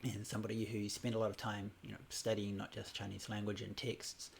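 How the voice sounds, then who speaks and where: This New Zealand man in his forties gives a loose, meandering Buddhism lesson on a casual livestream, full of fillers and restarts. He speaks a little fast at a fairly low pitch with a creaky edge, and the computer or phone audio carries a little hiss or hum.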